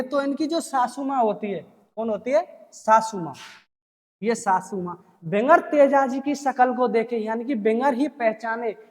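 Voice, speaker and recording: A teacher tells a story as a lesson, constantly asking the class quick questions and answering them. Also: mid-range voice, a little mellow, in a large hall.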